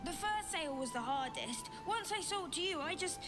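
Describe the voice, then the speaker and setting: A woman's voice: extremely high pitch, animated, moderate pace, a bit bright, soft background music. A woman voicing an eager child newspaper seller in a video game, chirpy and earnest.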